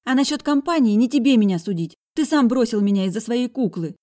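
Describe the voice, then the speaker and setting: A woman voicing a defiant eighteen-year-old girl, shrill and indignant in an audiobook. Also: expressive, fairly quick, warm tone, close to an everyday voice. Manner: shrill, indignant, pushing back. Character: bratty defiant young woman, hot-tempered.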